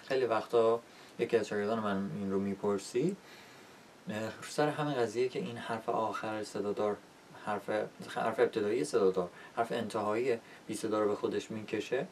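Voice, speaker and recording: A man whose first language is Persian, teaching English pronunciation in a spoken lesson and repeating words slowly to demonstrate sounds. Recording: distant mic with faint rumble.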